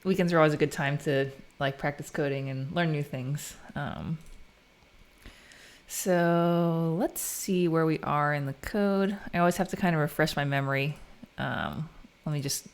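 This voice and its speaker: During a casual coding stream, an American woman speaks in a deep voice at a measured pace. She keeps things informal, thinking aloud as she works.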